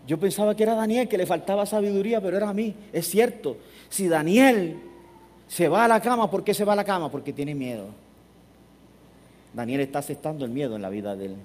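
A man preaching a sermon in a church, his high-pitched voice rising and falling between soft and loud. His words trail off into a long hall reverb. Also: fast. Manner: animated storytelling, swinging from hushed to loud. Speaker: pastor. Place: church sanctuary.

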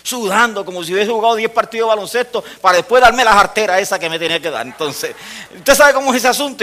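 High, bright-voiced man preaching. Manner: storytelling, often dropping low and soft for emphasis. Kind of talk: sermon with a personal story.

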